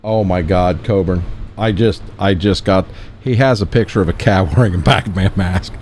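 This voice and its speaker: A man's voice: sits low, normal speed, darkish tone, slight background noise. A man casually streaming a farming game, rambling and talking to his chat viewers. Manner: laid-back, rambling, talks to chat viewers.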